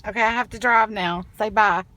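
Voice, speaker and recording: A middle-aged woman speaking casually, brisk and firm but amused, as a mother in a car. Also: mid-range voice, steady tone, bright, forceful tone, no room sound. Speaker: mother driving. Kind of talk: casual chat. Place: inside a car.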